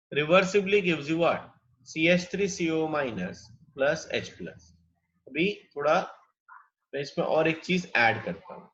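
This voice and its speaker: Male chemistry teacher, bright voice, drawn-out dictation, dull lo-fi audio. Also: fairly high pitch. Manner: dictates slowly, repeating each phrase; mixes Hindi and English. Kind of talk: lecture with slow dictation.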